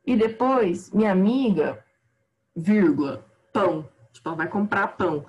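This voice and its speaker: A Brazilian woman teaching an online grammar class, chatty and self-deprecating, tired, her voice often trailing off quietly. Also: mid-range voice, animated, normal speed, highs cut off.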